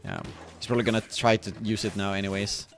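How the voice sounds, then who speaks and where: Low-voiced relaxed male esports caster. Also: fast, gravelly. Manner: relaxed, chuckles often, many fillers. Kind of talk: casual game commentary. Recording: music playing behind.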